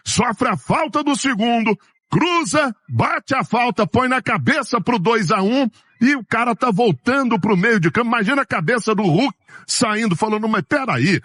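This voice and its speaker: A man's voice: very high-pitched, fairly bright tone, no echo. A Brazilian man giving emphatic, colloquial post-match football opinion in an indignant manner on radio.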